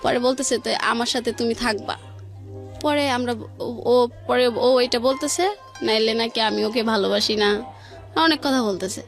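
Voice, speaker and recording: Here the Bangladeshi-accented woman sits on the higher side in pitch, keeps a measured pace and pauses often. Her casual personal story strings events together through quoted conversation, recorded in a radio studio with faint background music.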